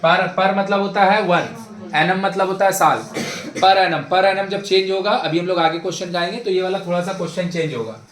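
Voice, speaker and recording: Young male teacher, high-pitched, brisk and repetitive, recorded in an echoey classroom. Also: steady tone, fairly bright tone. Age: young adult. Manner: brisk and insistent, repeats himself, prods students. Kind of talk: classroom maths lecture. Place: classroom with a board.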